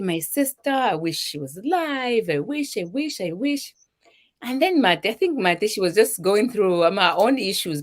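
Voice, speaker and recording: A middle-aged Zambian woman with a Zambian accent, who founded a charity, tells her personal story in a medium-pitched voice. She's emotional and animated, acting out what people said to her.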